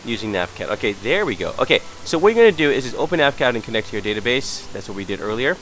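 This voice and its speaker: A hungover, sick man giving an unscripted software tutorial, hesitant and apologetic as he searches around. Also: mid-range voice, very animated, fast talker, slight background noise, rough recording. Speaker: tutorial presenter.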